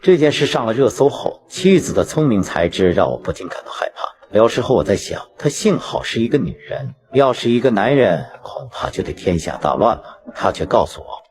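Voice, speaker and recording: A man's voice: lowish voice, very animated, brisk, few pauses. A man delivering a scripted first-person story in a cocky, self-assured way, as a gangster recounting his career. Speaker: video narrator speaking as a crime drama gangster.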